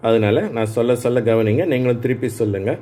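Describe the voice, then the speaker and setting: A man's voice: medium pitch, little pitch movement, fast talker, mellow. A man teaching adults to read English, going letter by letter and sound by sound and asking them to repeat after him. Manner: patient, spells out sounds letter by letter and asks learners to repeat. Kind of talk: slow phonics lesson for adult learners.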